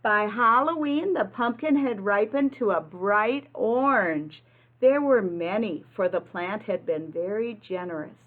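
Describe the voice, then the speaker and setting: A medium-pitched woman's voice, heard through phone-quality sound, reads a picture book to little ones the way an early-childhood teacher would, plain and instructive, with questions for her listeners.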